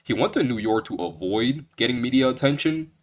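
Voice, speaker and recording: Fast-talking young man rambling about games. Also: on the low side, expressive. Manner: rambling, joking, many restarts. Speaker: video game reviewer. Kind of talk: casual video game retrospective.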